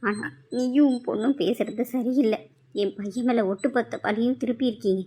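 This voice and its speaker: A middle-aged aunt in a cartoon drama, voiced by a woman, anguished and disbelieving. Her voice sits a little high as she pleads for her son. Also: steady tone, brisk, dark tone, husky. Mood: defensive.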